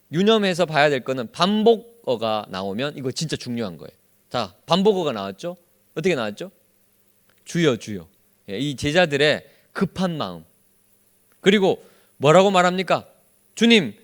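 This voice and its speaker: A male pastor teaches a Bible study sermon and keeps firing questions at the congregation. His voice sits a little high and leaps up and down with lively expression. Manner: constantly quizzes the congregation with questions; acts out quoted speech in lively voices.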